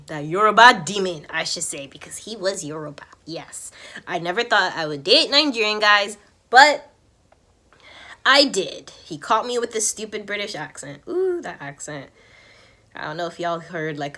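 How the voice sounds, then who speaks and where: A young woman vlogger chatting casually to viewers while she does her makeup, animated and candid, slipping into whispered asides. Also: lowish voice. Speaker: beauty vlogger.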